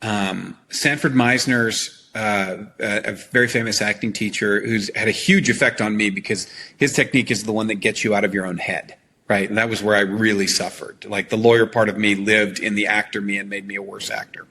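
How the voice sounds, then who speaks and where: Animated man explaining with coaching energy. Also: lowish voice, moderate pace, creaky, slight background noise. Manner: animated, coaching tone, frequent "right?" check-ins. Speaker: trial consultant and actor. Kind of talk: conversational interview answers.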